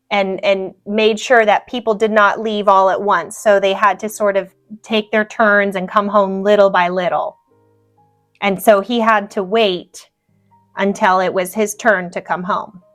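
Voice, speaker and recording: An American woman gently prompting as interviewer in a casual family conversation. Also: mid-range voice. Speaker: interviewer, granddaughter.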